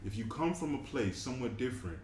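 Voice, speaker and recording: Emphatic man arguing with lively pitch. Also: quick pace. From United States. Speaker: podcast co-host. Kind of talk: casual barbershop discussion. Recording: echoey room, faint noise.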